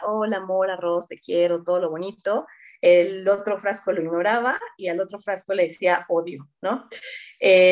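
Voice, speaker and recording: A woman, a podcast guest explaining calmly, often adding "¿no?" and acting out little dialogues. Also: mid-range voice, lo-fi sound. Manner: warm explaining with many "¿no?" tags and acted-out dialogues. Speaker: guest healer. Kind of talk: casual podcast conversation.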